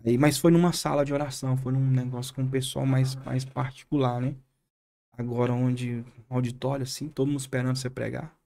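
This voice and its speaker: A man, a pastor with a Brazilian accent, earnestly retelling a moving experience as a podcast guest, with halting restarts. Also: mid-range voice, flat delivery, creaky, mellow. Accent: Brazilian Portuguese. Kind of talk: podcast interview storytelling.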